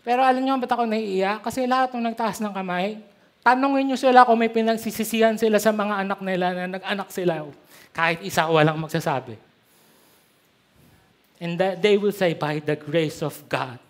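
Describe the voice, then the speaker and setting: A middle-aged man with a Filipino accent, preaching a sermon as pastor with animated storytelling. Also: sits high, brisk. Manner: animated storytelling, switching between Tagalog and English.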